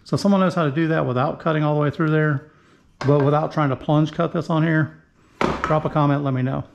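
A man's voice: a little high, fairly even intonation, a little fast, creaky, dull audio. A middle-aged man explaining a woodworking project step by step as he works, in a casual, plain-spoken way, recorded on a camera mic in his home shop. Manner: plain-spoken, step-by-step, talks through each move as he works. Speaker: woodworking channel host. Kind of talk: casual how-to narration while working. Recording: echoey garage shop with faint noise.

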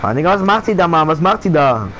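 A man's voice: on the high side, big pitch swings, quick pace. A young man, chatting casually and bluntly in street slang while gaming. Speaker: gamer live-streaming. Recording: noisy game-stream headset audio.

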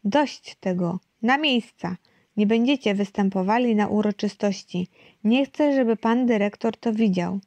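Woman reading as a strict teacher, bossy, scolding, mellow voice, dry close sound. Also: medium pitch, measured pace, no room sound. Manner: commanding, scolding. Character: stern, exasperated female schoolteacher.

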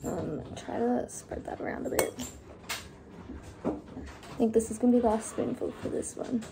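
A woman's voice: fairly high pitch, normal speed, gravelly, noisy background. A young woman chatting casually while cooking in her home kitchen, with lots of fillers. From Australia. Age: young adult. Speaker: vlogger. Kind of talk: casual cook-along chat. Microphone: phone camera on the counter.

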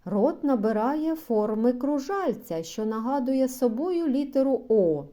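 A woman reading aloud as a pedantic philosophy teacher who lectures slowly and explains every detail. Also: high-pitched, lively intonation, warm tone, voice pushed up. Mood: explaining. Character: pedantic middle-aged male philosophy teacher.

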